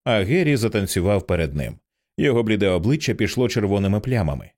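A man narrating an audiobook with an expressive, dramatic reading. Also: on the low side, quick pace.

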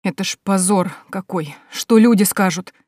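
A woman's voice: medium pitch, moderate pace, a little mellow, no room sound, clean studio sound, distant mic, close to an everyday voice. A woman reading an audiobook, voicing an anxious, scolding woman cook worried about what the neighbors will say. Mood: fretful. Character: fretful middle-aged woman cook. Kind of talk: audiobook character voice.

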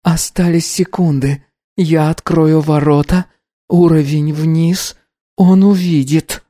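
A boy in a trance, as the male narrator voices him, muttering in a slow, hoarse, halting way. His voice sits somewhat above the reader's own and is slightly distant. Audiobook character voice, dry sound. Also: on the high side, steady tone, dark tone, no echo, pitched above the performer's own voice. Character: feverish boy straining in a trance.

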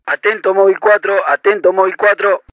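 A man's voice: sits high, moderate pace, muffled recording, soft background music. A man playing a police dispatcher, heard through a police radio transmission in clipped radio procedure talk. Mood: urgent. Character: adult male police dispatcher, brisk. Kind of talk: radio drama acting.

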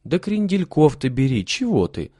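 Kindly woman voiced by a man, gentle, coaxing, pitched up, storybook. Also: sing-song, normal speed, no room sound, studio quality. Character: kind, caring middle-aged woman host.

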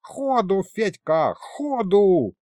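A man's voice: medium pitch, wildly swooping pitch, a little slow, darkish tone, no echo, clean studio sound. A man voicing a spry, boozy old grandfather with folksy rustic speech. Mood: rowdy. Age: older.

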